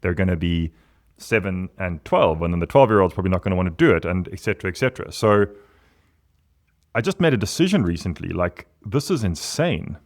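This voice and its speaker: Guy, 40s, podcast guest, lowish voice, gets really animated and punchy. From South Africa. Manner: animated and emphatic, big pitch swings. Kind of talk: casual podcast conversation.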